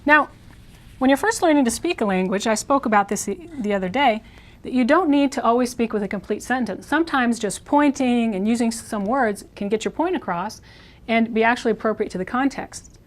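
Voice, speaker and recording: Woman, language teacher, video lesson, slow careful modeling, repeats words. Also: fairly high pitch, lively intonation. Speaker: Spanish teacher.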